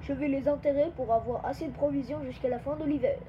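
A possessive male fox from a storybook guards his hoard with short, curt words, as a woman reads him. The sound is dull and lo-fi. Clear background noise sits underneath. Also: sits high, fairly even intonation, fast talker, natural voice.

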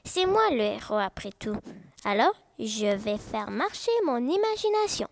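A woman voicing an excitable young male rabbit in a storybook read-aloud, exclaiming with childlike eagerness. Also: on the high side, unhurried, pitched below the performer's own voice. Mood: indignant.

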